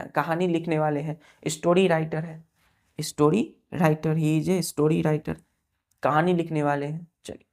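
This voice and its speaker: A woman's voice: sits low, a little mellow. A woman with an Indian accent teaching vocabulary in a patient classroom manner, spelling words letter by letter and checking that the students follow.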